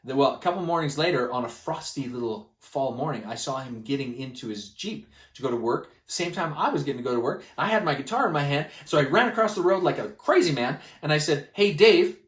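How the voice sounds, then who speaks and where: Animated man telling a story in an echoey room. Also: medium pitch, fast, hardly any pauses. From Canada. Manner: animated, acts out the people in his stories. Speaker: gospel study presenter. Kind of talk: storytelling lesson.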